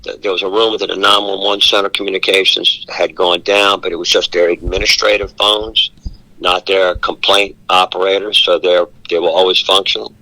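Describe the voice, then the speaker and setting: A man giving a steady live briefing as an emergency official, with many fillers, heard over a speakerphone held up to a studio microphone. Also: low-pitched, brisk, dry recording, rough recording. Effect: speakerphone held up to the studio mic. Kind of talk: live radio phone briefing.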